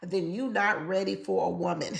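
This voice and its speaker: Sick and stuffy-sounding, a woman who comments on reality TV chats to her audience with strong opinions. Her medium-pitched voice is gravelly and fairly even in intonation, at normal speed, with echo from the room.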